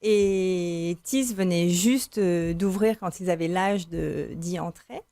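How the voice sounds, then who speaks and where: Mom chatting as a tv guest, goes on at length, lots of euh, dry sound. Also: female voice, fairly low pitch, slow pace, no room sound. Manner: lively, talkative, with many fillers. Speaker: parent guest. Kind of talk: TV interview.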